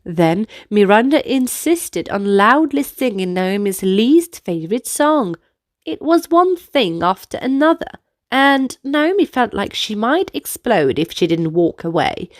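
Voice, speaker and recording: In a mid-range voice with big pitch swings, a woman unhurriedly narrates a children's storybook and leads young listeners through dance movements. Her manner is instructive and clearly paced, and the clean studio sound has no echo.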